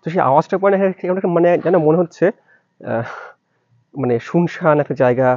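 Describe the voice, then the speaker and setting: A man's voice: on the high side, fairly quick, a little mellow, lo-fi sound. Give me a man vlogging outdoors on a wooded hill, chatting to viewers while his voice echoes strongly around him. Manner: chatty, addressing viewers directly. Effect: strong echo around his voice. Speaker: travel vlogger. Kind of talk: casual travel vlog.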